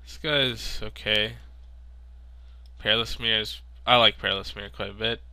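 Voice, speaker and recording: A man's voice: lowish voice, fairly even intonation, moderate pace, bright, forceful tone, clean tone, dry recording. A man with a sick, stuffy, nasal voice, thinking aloud in casual card-game commentary. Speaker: video maker.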